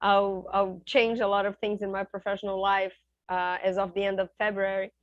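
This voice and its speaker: A woman's voice: medium pitch, little pitch movement, moderate pace, no echo, highs cut off. A woman from Brazil, a guest chatting informally over a video call, friendly and laughing often.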